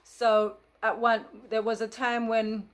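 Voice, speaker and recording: Speaking slowly with a flat delivery and a fairly high voice, this fifty-something vlogger tells a story to the camera. Her first language is Jamaican Patois, and her telling is loose and rambling, full of fillers and restarts, with a blunt, firm tone.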